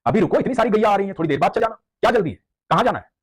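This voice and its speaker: A man's voice: sits high, expressive, rapid-fire, breathy edge, pitched above the performer's own voice, heavily acted. Man doing a coaxing little cowherd boy. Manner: coaxing, pleading. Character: playful, caring young cowherd boy of about ten.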